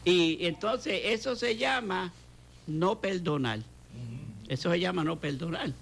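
Speaking at a measured pace, this older Puerto Rican pastor has a high-pitched, slightly bright voice with vocal fry and a Puerto Rican Spanish accent. He offers a fervent preaching testimony on a talk show, acting out quoted dialogue and repeating phrases for emphasis.

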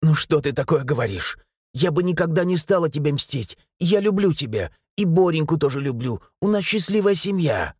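A man's voice: a little high, expressive, moderate pace, breathy edge, dry recording, clean studio sound, voice pushed up. A man voicing a timid tearful mother. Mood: pleading. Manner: soft, pleading. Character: tearful timid mother, middle-aged woman.

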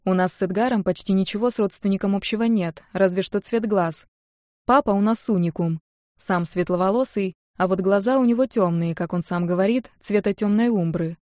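Woman audiobook narrator, first person, wry matter-of-fact tone, mid pitch, dry close mic. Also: a little fast, mellow, no echo. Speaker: audiobook reader.

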